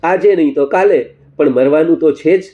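A man voicing a devout male friend who calmly exhorts others in a storybook tale. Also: fairly high pitch, normal speed, muffled recording, close to an everyday voice. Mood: exhorting. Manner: calm, exhorting. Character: devout male lay friend, steady and sincere.

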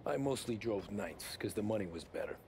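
A weary 1930s gangster, deep and terse. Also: male voice, lively intonation, a little fast, background noise. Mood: guarded, weary. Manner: terse, guarded, tired. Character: weary 1930s male ex-cab driver turned gangster. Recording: game audio with loud score.

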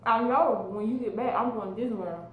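A woman's voice: fairly high pitch, fairly quick, narrow, tinny audio. Chatty laid-back woman in echoey room. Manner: chatty, laid-back, talks to viewers as y'all. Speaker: vlogger and host. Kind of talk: casual mukbang chat. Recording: echoey room with faint noise.

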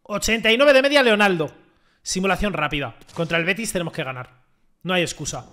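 A young man doing loud, joking gameplay commentary and swearing freely. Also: high-pitched, fast talker. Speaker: gaming YouTuber.

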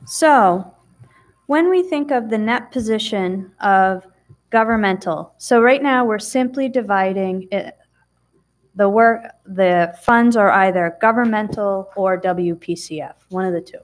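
Her voice mid-range and unhurried, a middle-aged woman walks a town council through audit figures in a chatty, explanatory manner. She often says um and restarts sentences, captured by a table microphone in the chamber.

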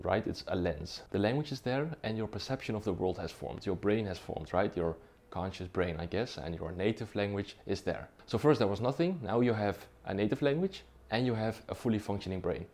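In a small, dim room, a young Dutch-speaking man who teaches languages on YouTube talks straight to the camera, explaining things in a relaxed, chatty way. His fairly low voice is soft and mellow, and he keeps checking in with "right?" and "okay?".

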